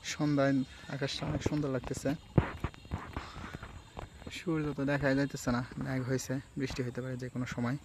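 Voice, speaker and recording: Young man, Sirajganj regional accent, easygoing rambling vlog chat, mid-pitched voice, faint outdoor noise with animals. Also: normal speed, pauses often. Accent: Sirajganj regional Bengali. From Sirajganj, Bangladesh. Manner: relaxed, rambling, mixes regional and standard speech. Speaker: vlogger. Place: outdoors by rice fields at dusk.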